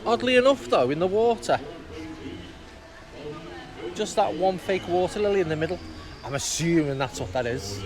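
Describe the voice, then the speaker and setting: In this outdoor theme park vlog, set to background music, a man with a high-sitting voice talks at normal speed with lively intonation and frequent pauses. He presents the walk with casual commentary, rambling and musing aloud along the way.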